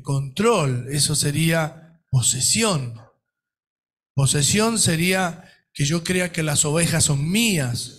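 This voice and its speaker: In a church, a man with an Argentine Spanish accent and a slightly high voice delivers a sermon as a pastor. He asks rhetorical questions and acts out the voices he quotes.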